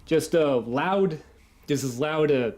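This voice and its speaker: Speaking into a condenser mic in an echoey room at home, a video game commentator mumbles his way through a casual vlog update full of fillers and stumbles. His voice is on the high side and a little mellow.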